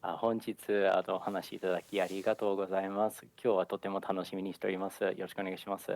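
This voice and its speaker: A man working as an interpreter, giving a translation voice over of an interview in a rapid, matter-of-fact way. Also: sits low, flat delivery, a little mellow. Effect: translation voice over, interpreting the other speakers' words. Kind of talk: live consecutive interpreting for an interview.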